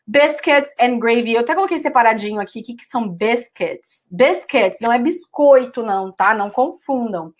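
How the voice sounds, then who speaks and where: Chatty Brazilian teacher, high voice. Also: female voice, expressive, brisk, few pauses. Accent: Brazilian Portuguese. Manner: chatty, repeats words for students, reads live chat. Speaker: English teacher. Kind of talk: live online class, explaining vocabulary.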